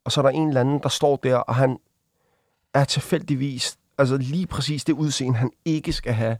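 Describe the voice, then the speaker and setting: A man, a guest on an interview, telling a personal story casually, with halting restarts and vivid acted-out quotes. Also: mid-range voice, fairly even intonation, no room sound, clean studio sound. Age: adult. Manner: vivid, acts out quoted voices while retelling.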